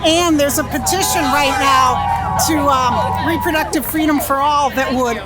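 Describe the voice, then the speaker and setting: Woman in her sixties, high firm voice, outdoor protest, loud crowd noise. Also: measured pace, over loud music. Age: 60s. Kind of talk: street interview answers.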